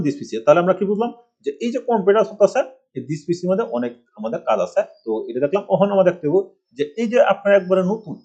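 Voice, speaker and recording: A man's voice: fairly high pitch, a little mellow, husky, dull audio. A middle-aged man from Bangladesh teaching a rambling computer tutorial, asking rhetorical questions as he goes. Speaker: computer course instructor. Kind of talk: screen-recorded computer tutorial. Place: village home.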